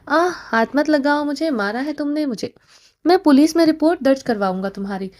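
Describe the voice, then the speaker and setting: Proud, sulky young husband in a romance audiobook, a woman lowering her voice for him, mock-grumbling and teasing. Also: a little mellow, lightly acted.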